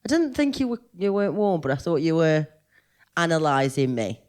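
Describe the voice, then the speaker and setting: A woman's voice: low-pitched, brisk, clear, resonant tone. A woman comedian chatting casually on a podcast, rambling and poking fun at herself. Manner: animated, rambling, self-mocking. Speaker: comedian guest.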